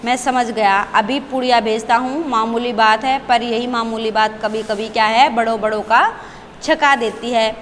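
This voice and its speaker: A woman's voice: on the high side, steady tone, moderate pace, a bit bright, long reverb tail, a little hiss or hum, close to an everyday voice. A woman teacher reading the part of a confident, joking old male healer. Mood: jovial. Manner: jovial, self-assured.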